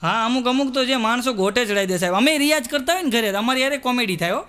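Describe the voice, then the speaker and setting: A man performing stand-up comedy, telling jokes and sometimes singing verses slowly. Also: extremely high pitch, a bit bright, clear, resonant tone. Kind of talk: live Gujarati comedy show with jokes and sung verses. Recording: live stage recording with audience and noise.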